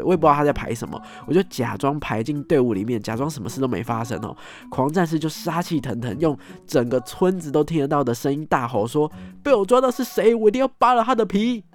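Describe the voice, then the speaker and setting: Animated male storyteller. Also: medium pitch. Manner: animated, acts out scenes, frequent tag particles. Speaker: host. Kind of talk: casual storytelling monologue.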